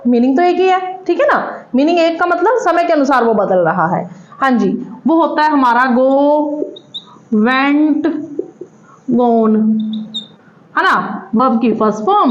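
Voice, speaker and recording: High-pitched lady teacher at a blackboard going over grammar, asks her own questions, roomy lo-fi audio. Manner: lively, asks the class questions and answers them herself. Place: classroom with a blackboard. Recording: echoey room, dull lo-fi sound.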